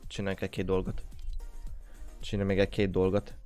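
A man's voice: low voice, completely flat delivery, darkish tone, clear, resonant tone, faint music behind. A young man hosting a game livestream, just woken up, greeting viewers one by one in casual chat. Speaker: livestream host.

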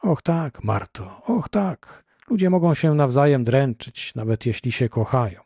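A man's voice: medium pitch, lively intonation, measured pace, warm tone, breathy edge, no echo, clean studio sound. A man reading an audiobook, voicing a heartbroken, weary husband who begs his wife to stay. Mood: imploring. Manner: imploring, weary. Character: heartbroken ill husband, desperate.

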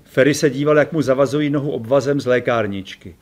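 A man reading his own adventure story aloud to a live audience, with lively dramatic emphasis. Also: mid-range voice.

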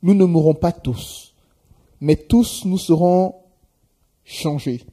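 A man reading a Bible passage aloud in a measured, deliberate way, from some distance from the microphone. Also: fairly high pitch, mellow, slightly rough. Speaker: scripture reader.

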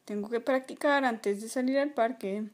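A woman's voice: on the high side, moderate pace, lightly acted. A woman voicing a cheeky young toy boy in a toy play video.

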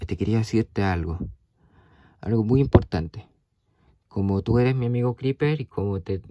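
A man chatting to a silent companion in a halting, nervous way, stammering and restarting often, with sudden yelps. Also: mid-range voice, creaky, no echo, clean studio sound. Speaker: video creator talking to a toy character. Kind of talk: casual one-sided chat to a silent companion.

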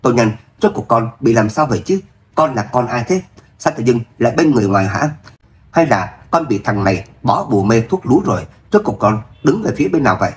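A man's voice: big pitch swings, brisk, a little hiss or hum, natural voice. A man voicing a scheming, greedy middle-aged mother-in-law who scolds and wails, in an audio novel reading. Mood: scolding. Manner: shrill scolding, self-pitying wails.

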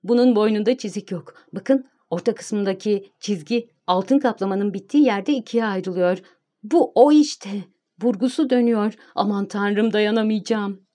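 A woman's voice: medium pitch, normal speed, dark tone, natural voice. A woman voicing a desperate mother, trembling and pleading in an audiobook. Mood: frantic.

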